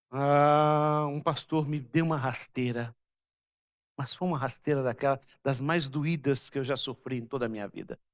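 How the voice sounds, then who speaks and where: A man from Brazil, a pastor, preaching a sermon and telling a personal story, moving between loud passages and hushed ones. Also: fairly high pitch.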